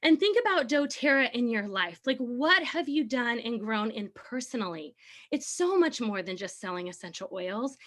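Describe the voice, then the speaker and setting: A woman's voice: a little high, expressive, moderate pace, fairly bright tone. A woman team leader giving an earnest, encouraging motivational talk. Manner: earnest, encouraging, sometimes laughing.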